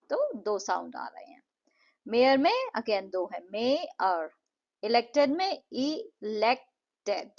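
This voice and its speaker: A woman with an Indian accent teaches an English lesson, reading the English lines slowly and deliberately before explaining them at a quicker pace. Her voice is fairly high and gravelly, and the recording is dull and lo-fi.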